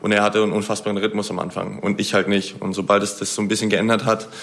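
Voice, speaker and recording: A man answering in a post-match interview, flat and matter-of-fact. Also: fairly low pitch, quick pace, vocal fry. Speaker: interviewed athlete.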